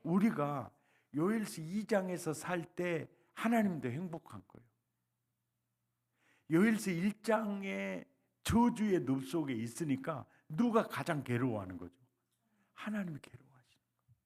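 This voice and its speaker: A male pastor preaching a revival sermon, leading the congregation in call-and-response and swinging from soft lines to loud cries. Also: a little high, lively intonation, measured pace, vocal fry. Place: church sanctuary.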